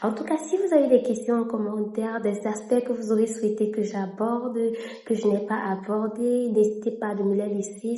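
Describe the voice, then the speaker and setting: A fairly high, mellow voice belongs to this young Cameroonian woman, a native French speaker who vlogs and interprets. She narrates her story to camera in a casual style, switching to English in the middle of a sentence, and the recording picks up an echoey room.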